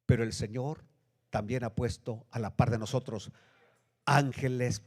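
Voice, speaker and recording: A male pastor preaching a sermon with dramatic swings between loud, high bursts and low, hushed lines. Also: fairly even intonation, measured pace. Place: church sanctuary. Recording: long reverb of a church hall.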